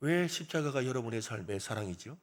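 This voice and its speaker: A man's voice: medium pitch, animated, a little fast. A male pastor preaching a sermon in a church, telling a story with animation and asking the congregation rhetorical questions. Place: church sanctuary.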